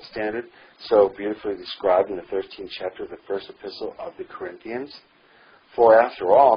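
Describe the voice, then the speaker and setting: A man reading a devotional book aloud in earnest, measured scripted narration that swells on key phrases. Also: fairly low pitch, slightly rough, dull audio. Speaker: audiobook reader.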